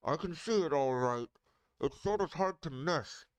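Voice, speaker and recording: A man voicing a male military colonel who sounds calm, wry and steady. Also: fairly low pitch, slow pace, smooth, no room sound.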